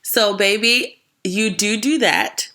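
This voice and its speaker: A woman's voice: medium pitch, takes it slowly, sharp tone. A woman co-hosting a podcast, arguing with her partner in a casual, emphatic way and repeating her points insistently. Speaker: podcast co-host. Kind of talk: casual couple's argument.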